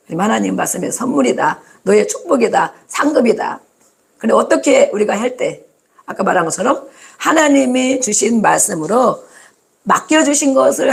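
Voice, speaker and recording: A woman's voice: on the high side, vocal fry. A woman pastor preaching a sermon, putting rhetorical questions to the congregation and repeating phrases for emphasis.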